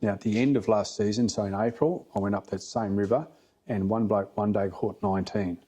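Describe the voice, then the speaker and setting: A man's voice: lowish voice, fairly even intonation, a little fast, warm tone, breathy edge. A middle-aged Australian man telling stories casually as a fly fishing guide on a podcast, plain-spoken and blokey with emphatic repetition.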